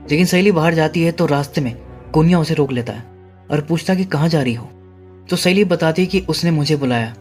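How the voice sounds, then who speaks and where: Man, movie recap narrator, higher voice, steady storytelling, faint music underneath. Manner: steady storytelling, paraphrasing dialogue. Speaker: movie explainer.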